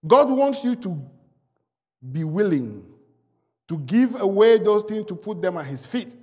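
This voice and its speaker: A man's voice: high voice, long reverb tail. A middle-aged man preaching a sermon and telling a testimony, with emphatic rising and falling delivery. He is a native French speaker. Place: large church hall.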